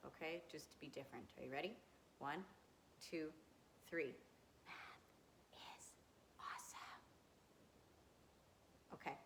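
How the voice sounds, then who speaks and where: A woman teaching a grade two math lesson to young children, gentle and encouraging, asking questions and answering them herself. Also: fairly low pitch, a little hiss or hum.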